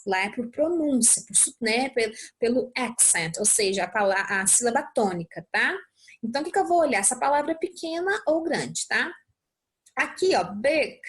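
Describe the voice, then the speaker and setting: A young adult Brazilian woman with a Brazilian Portuguese accent teaches English in a recorded lesson, walking through a worksheet step by step and often checking in with her students. Her voice is a little high and very animated, at a moderate pace.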